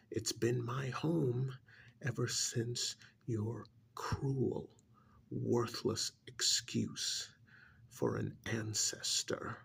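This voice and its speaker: A man voices an alien creature pretending to be an uncle for an ASMR roleplay, sounding bitter and contemptuous. The delivery is stern, emphatic and gravelly, breathy at times, in a fully committed character voice that's fairly low in pitch and a bit bright.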